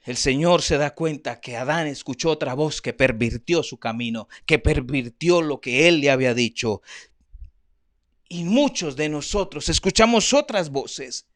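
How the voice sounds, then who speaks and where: A man's voice: a little high, lively intonation, unhurried. A man preaching a sermon as pastor, acting out Bible figures in changing voices.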